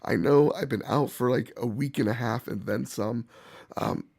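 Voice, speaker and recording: A man hosting gaming commentary, speaking bluntly and emphatically in a rough, hoarse voice as if sick. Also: medium pitch, moderate pace, a little mellow. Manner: emphatic, opinionated, blunt, swearing. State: hoarse from bronchitis. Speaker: gaming channel host. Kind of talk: opinion commentary to camera or viewers.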